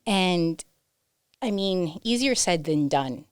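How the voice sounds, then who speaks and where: A woman's voice: fairly low pitch, animated, slow, clear, resonant tone, no room sound, studio quality. A woman co-hosting a casual podcast chat, chatty and laughing often, with reflective asides. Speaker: co-host.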